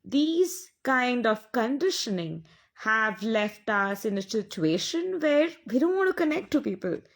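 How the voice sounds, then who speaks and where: A woman's voice: a little high, big pitch swings, a little slow. A woman with an Indian English accent, giving an earnest spiritual monologue in an impassioned, preachy way with lots of repeated phrasing. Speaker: spiritual channel speaker.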